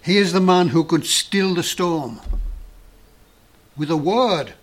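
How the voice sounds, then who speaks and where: A man preaching a sermon in an earnest, emphatic way with dramatic pauses. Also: high-pitched, animated.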